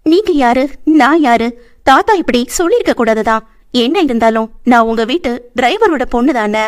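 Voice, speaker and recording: A woman's voice: fairly high pitch, animated, normal speed, lightly acted. A woman voicing an innocent, childlike young woman who chatters naively in a storybook reading. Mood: sulking.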